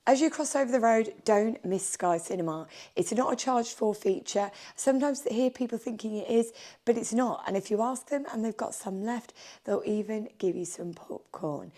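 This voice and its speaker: A woman's voice: medium pitch, brisk, mellow. A woman narrating a vlog voice-over in an enthusiastic, friendly tour-guide manner. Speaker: vlogger.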